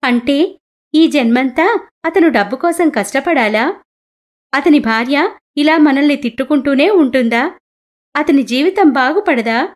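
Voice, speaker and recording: Woman voicing Parvati, high-pitched earnest goddess. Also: animated, a little slow, pauses often. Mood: questioning. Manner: pleading, indignant.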